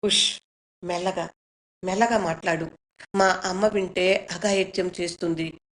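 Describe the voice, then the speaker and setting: A woman voicing a frightened young woman torn by family duty, speaking in a hushed, pleading way. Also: lowish voice, steady tone, measured pace, lightly acted.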